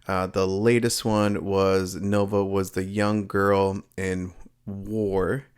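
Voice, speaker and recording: A man with a lowish, smooth voice hosts his own home video review channel. He talks slowly and loosely, rambling through the film with many fillers and restarts. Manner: upbeat, excitable opening. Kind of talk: casual spoken review.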